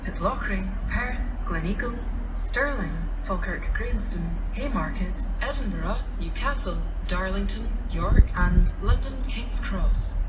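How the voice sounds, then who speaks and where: A woman's automated train station announcement over a loudspeaker, listing stops in a measured, evenly spaced way. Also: mid-range voice, expressive, heavy background noise. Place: railway station platform. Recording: distant loudspeaker with clear music behind.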